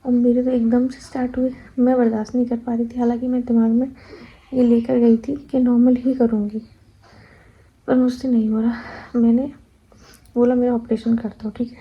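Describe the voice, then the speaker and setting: A young woman tells a personal story, acting out what she said at the time. Her voice is husky and a little high, and her pitch stays fairly level. The recording is slightly dull and lo-fi. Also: moderate pace, long pauses. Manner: animated retelling, acting out her own past cries. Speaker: vlogger. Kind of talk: casual storytelling vlog.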